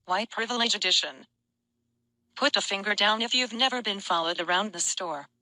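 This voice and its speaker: A woman reading out challenge prompts in a pointed, deliberate way. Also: medium pitch, bright, forceful tone, no echo, rough recording.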